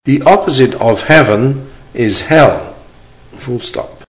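Slow-paced man reading out a dictation. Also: medium pitch, expressive. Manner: deliberate, measured phrasing in short segments. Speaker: language teacher giving dictation. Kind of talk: slow repeated dictation exercise, reading punctuation aloud.

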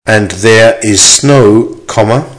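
A man reading an English-lesson dictation aloud in short, deliberate, carefully measured phrases, repeating them and speaking the punctuation. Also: on the low side, low-quality recording. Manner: deliberate, measured enunciation with pauses. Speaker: language teacher reading dictation.

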